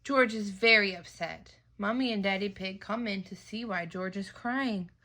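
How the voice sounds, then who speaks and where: A woman reading a picture book aloud to young children in a slow, expressive way. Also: mid-range voice. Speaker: storybook reader.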